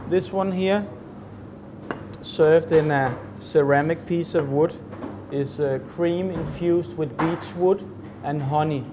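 Slow, halting chef at a kitchen counter. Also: male voice, a little high, noisy background. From Denmark. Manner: slow, halting, many fillers. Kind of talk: cooking demonstration. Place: large professional kitchen.

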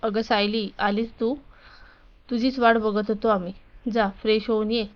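A woman voicing a caring, gentle middle-aged mother-in-law in a story reading. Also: mid-range voice, little pitch movement, normal speed, clear, resonant tone, natural voice. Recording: dull lo-fi recording.

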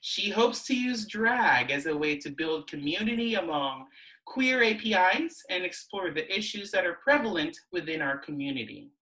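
Woman host, filipino accent, playful asides, bright forceful tone, lowish voice, a bit off-mic. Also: very animated, normal speed, far from the mic, poor audio. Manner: playful, chatty, self-joking asides. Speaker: event host. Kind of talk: stage hosting, livestream.

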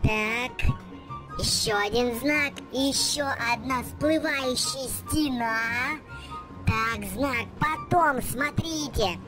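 High, childlike-voiced game host, exclamatory kids' commentary over clear background music. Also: takes it slowly. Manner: exclamatory, repeats words in bursts. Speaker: video host. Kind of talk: excited game commentary for kids.

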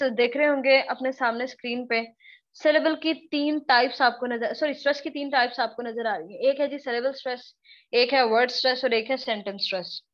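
Brief: woman from Pakistan, English teacher, hoarse and tired, high pitched, keeps asking the class questions, muffled lo-fi sound. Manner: questions students often, repeats herself, slow drawn-out example words. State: hoarse, worn-out voice. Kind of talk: live online class lecture.

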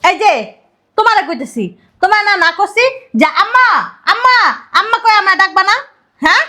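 An actress playing a sharp-tongued middle-aged stepmother who scolds sarcastically. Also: very high voice, expressive, heavily acted. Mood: scolding. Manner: scolding, sarcastic, rapid retorts.

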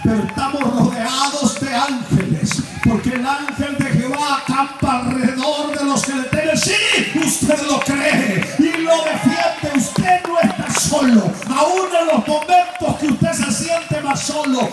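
A middle-aged pastor preaches a sermon in a large church hall, moving between shouted passages and hushed, low stretches. He uses a handheld mic but is filmed from far off, so the hall sounds echoey and distant.

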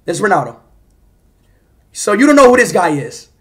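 A young man talks into a headset from a small room, his voice very high and jumping all over the place. He is excitable, yelps and shouts, and swears through loose, casual chat. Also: normal speed. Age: young adult. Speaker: streamer. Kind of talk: loud casual chat on a live video call. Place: small room indoors at a desk. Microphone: headset mic.

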